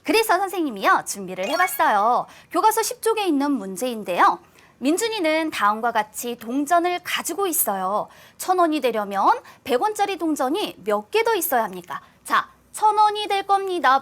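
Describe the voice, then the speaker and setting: A woman teaching an elementary school math lesson, speaking to children in a sing-song way and drawing out key words. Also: high voice. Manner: sing-song, addresses kids warmly with drawn-out emphasis.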